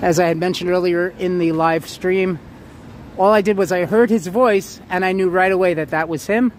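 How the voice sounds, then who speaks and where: A man with a Queens accent and a fairly high voice chats casually to livestream viewers, often repeating himself. He is outdoors on a city sidewalk, with clear traffic noise behind him. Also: steady tone, normal speed. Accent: Queens New York. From Queens, New York City. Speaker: livestream host. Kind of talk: casual walking livestream chat. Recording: noisy city street with traffic. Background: street ambience and passing cars.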